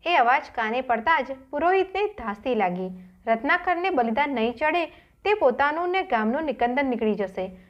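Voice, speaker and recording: A woman's voice: high voice, expressive, moderate pace, lo-fi sound. Woman reading a dramatic story. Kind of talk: scripted storybook narration.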